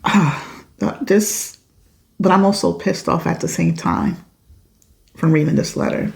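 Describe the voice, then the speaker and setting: A woman's voice: lowish voice, measured pace, vocal fry. A woman podcast host reading a listener's letter aloud and reacting to it in an emphatic, outspoken way. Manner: emphatic, outspoken, swears when upset.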